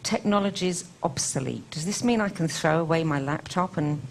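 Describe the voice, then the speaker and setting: A woman hosting a conversational interview, who has trouble saying her R sounds and softens them toward W. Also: low voice, moderate pace, vocal fry. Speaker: interviewer, program host.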